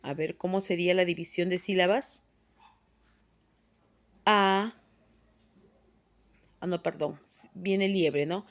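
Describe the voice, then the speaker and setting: Brief: patient female teacher, lowish voice, unhurried classroom delivery, taped on a phone. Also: steady tone. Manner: patient, explains step by step with frequent tag questions. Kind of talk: classroom grammar lesson. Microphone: phone voice recorder.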